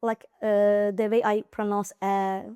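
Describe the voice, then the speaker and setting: In a relaxed interview conversation, the guest, a young IELTS high scorer from Nakhchivan, Azerbaijan, offers earnest study tips in Nakhchivan-accented English, full of fillers and restarts. She is unhurried, her mid-range voice warm and smooth with a level tone. It is recorded cleanly in a studio without echo.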